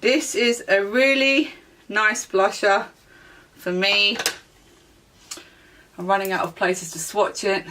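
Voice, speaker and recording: A woman beauty vlogger in a relaxed, chatty product review, with plenty of ums and small self-corrections. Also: mid-range voice, slow, pauses often, distant mic, background noise. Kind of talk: casual product review chat.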